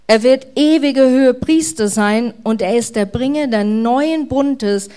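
A woman's voice: fairly high pitch, unhurried, dark tone, clean tone. A middle-aged female pastor giving an earnest, explanatory sermon.

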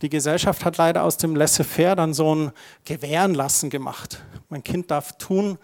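Conversational German pastor, higher-pitched man. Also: fairly even intonation, moderate pace, a little mellow. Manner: conversational, asides with tag questions. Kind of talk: sermon.

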